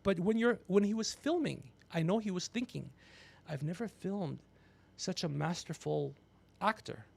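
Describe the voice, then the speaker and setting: A livestream podcast host with a fairly high, gravelly voice runs a loose comedic show at a moderate pace. He rambles through stories and banter, blunt and profane, often needling whoever he's talking to.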